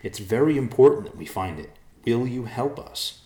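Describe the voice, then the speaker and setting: A man's voice: mid-range voice, lively intonation, moderate pace, mellow, reverberant, voice pushed up, close to an everyday voice. A man voicing an earnest, polite young male bear in a storybook reading.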